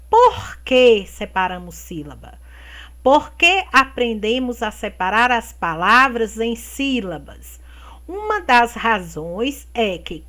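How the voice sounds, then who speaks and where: A high-pitched woman teacher talks to young children in a slow, deliberate way, stretching out each word. Her voice is bright and swings widely in pitch. She keeps checking in with the class through little tag questions. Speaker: primary school teacher. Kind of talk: remote classroom lesson for children.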